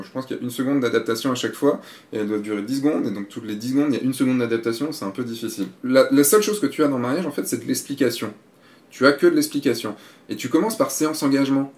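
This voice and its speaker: A man's voice: medium pitch, echoey room. A man giving a frank, casual critique of a photographer's website, blunt and given to swearing.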